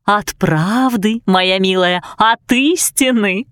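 A woman reading aloud, voicing three mocking witch sisters who taunt in a slow, drawn-out, sing-song way. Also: mid-range voice, fairly bright tone, clear, resonant tone, no echo, studio quality. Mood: mocking chant.

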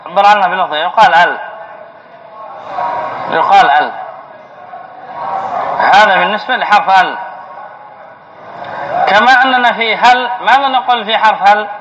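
The faint hiss of a dull, lo-fi lecture recording carries a sheikh's high voice as he teaches Arabic grammar at a moderate pace, pausing often. He asks the class questions and then supplies the answers himself.

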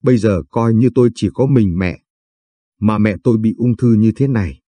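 A man narrating a first-person story in a somber, measured way. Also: lowish voice, mellow, breathy edge, dry recording.

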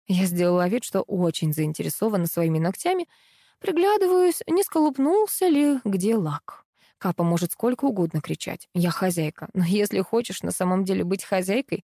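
A woman reading a first-person audiobook in a lively, ironic storytelling manner. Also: mid-range voice, no room sound, clean studio sound. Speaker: audiobook narrator.

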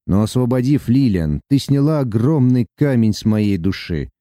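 A man voicing a reserved lover who speaks low, slowly and tenderly. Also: animated, no echo, clean studio sound, close to an everyday voice. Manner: low, slow, quiet and tender.

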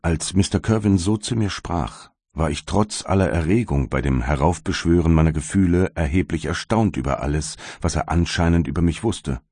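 A man's voice: low voice, normal speed, few pauses, mellow, no room sound, studio quality. A man narrating an audiobook in the first person with a solemn, anguished delivery. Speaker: audiobook reader.

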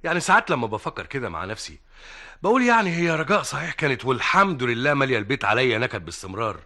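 An actor playing a bickering, excitable husband in an old-time radio drama, with an Egyptian accent and quick, emphatic comic banter. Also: male voice, mid-range voice. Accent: Egyptian Arabic.

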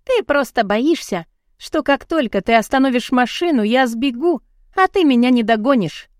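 A woman voicing an indignant young woman with quick, pointed retorts in an audiobook. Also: sits high, expressive, darkish tone, no echo, studio quality, pitched above the performer's own voice.

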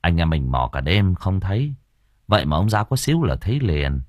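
A man's voice: deep voice, very animated, a little fast, a little mellow, no room sound, studio quality. A man doing a sighing young villager. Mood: impressed. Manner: sighing, impressed.

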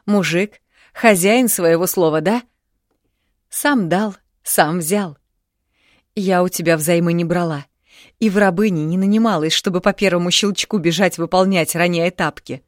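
A woman voicing an indignant, quick-tempered young woman in an audiobook, her lines raised a little above her narrating voice. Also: lowish voice, dry recording, clean studio sound. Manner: indignant outbursts, sharp retorts.

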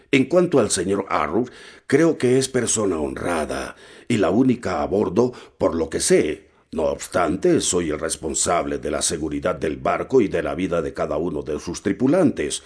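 A man's voice: sits low, a little mellow, breathy edge, full character voice. A man voicing a stern adult male ship's captain who speaks curtly and formally in a storybook reading. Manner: curt, commanding.

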